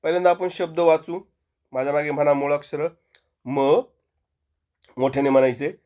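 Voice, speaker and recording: A man, a primary school teacher, giving a slow, patient recorded lesson to young children and drilling them to repeat sounds after him. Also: a little high, fairly even intonation, a little mellow. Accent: Marathi.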